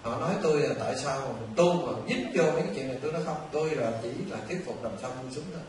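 An older Vietnamese man, a Buddhist monk, giving an animated storytelling dharma talk to a temple audience. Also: medium pitch, racing. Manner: animated, conversational, addresses listeners often. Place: temple hall. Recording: echoey distant hall recording with faint noise.

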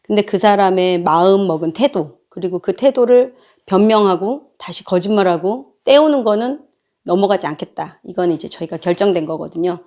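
A woman's voice: mid-range voice, moderate pace, darkish tone. A middle-aged woman and mother hosting a parenting talk, sharing a family story in a candid, earnest way. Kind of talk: casual talk.

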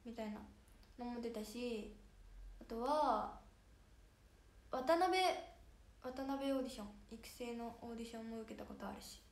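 Hosting a laid-back idol stream, a young Hiroshima-accented woman chats and names viewers as she thanks them. She talks at an ordinary pace in a highish, slightly mellow voice, leaving long pauses, while faint music plays in an echoey room.

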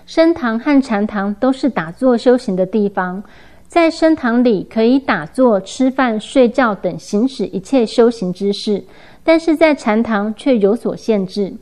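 A woman news reporter giving scripted news narration in a steady, even delivery. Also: a little high, measured pace.

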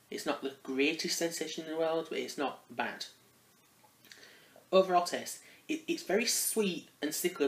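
A man's voice: on the high side, a bit bright. Hesitant man talking in an echoey room. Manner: rambling and hesitant, often restarting phrases. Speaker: product reviewer. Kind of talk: casual spoken review. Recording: roomy echo.

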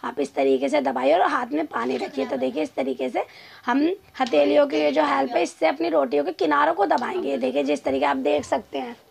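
A woman with a high voice and a strongly gravelly, creaky edge hosts a home cooking lesson. She talks in a steady, repetitive, instructive way, narrating each step as she kneads dough in a home kitchen. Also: a little fast. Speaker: cooking channel host. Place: home kitchen with a clay stove.

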